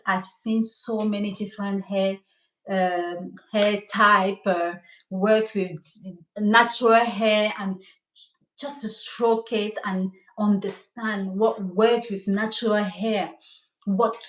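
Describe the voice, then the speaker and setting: A middle-aged Cameroonian hair coach and cosmetologist, a native French speaker with a Cameroonian French accent, leads a hair care live stream. Her medium-pitched voice has fairly even intonation and a slow pace, echoing in the room, and she talks eagerly, regularly checking in with her audience.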